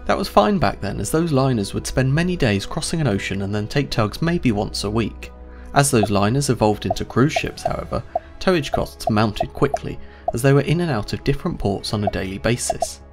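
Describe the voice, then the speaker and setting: Gravelly man explaining ships. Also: medium pitch, expressive. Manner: clear, measured, explanatory. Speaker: narrator explaining ship handling. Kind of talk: scripted explainer narration. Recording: voice-over with faint music behind.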